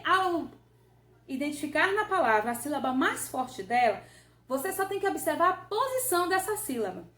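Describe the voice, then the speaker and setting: A female Portuguese teacher patiently explains a grammar revision lesson, often checking that the listener is following. Her voice is high with a fairly bright tone, and the recording has a roomy echo.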